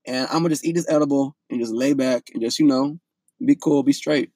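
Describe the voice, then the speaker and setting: A young man telling a story in a casual, profane, animated way, full of restarts. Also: mid-range voice, fairly quick, no echo.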